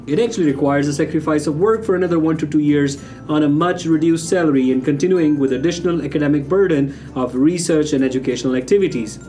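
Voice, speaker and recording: A man with a slightly raised voice hosts a podcast discussion, speaking in a measured, formal way. Faint guitar music plays underneath him. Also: fairly high pitch, dark tone. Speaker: podcast host.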